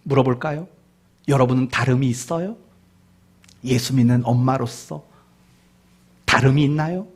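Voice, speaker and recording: A male pastor preaching a sermon, questioning the congregation directly and mixing in humorous family stories, going from loud to hushed. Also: medium pitch, normal speed, pauses often, slightly rough. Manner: mixes in humorous family anecdotes.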